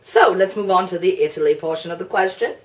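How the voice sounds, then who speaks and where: A woman's voice: fairly low pitch, fast talker, far from the mic, close to an everyday voice. England as a chatty young nation, played by a woman. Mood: defensive. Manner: chatty, explanatory, a bit flustered, laughs often. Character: England, a personified young male nation, blunt and prickly. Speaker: cosplayer answering viewer questions. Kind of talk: in-character cosplay Q&A.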